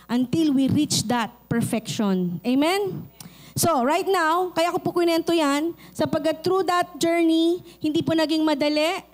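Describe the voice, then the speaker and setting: A middle-aged woman pastor with a Filipino accent, preaching a sermon and telling lively personal stories. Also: extremely high pitch, measured pace. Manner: animated storytelling, acts out quoted voices.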